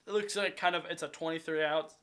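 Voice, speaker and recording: Young dude podcast cohost, kinda high bright voice, laughs a lot. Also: male voice, steady tone, quick pace. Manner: laid-back, laughs often, slangy. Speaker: podcast co-host. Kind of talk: casual chat.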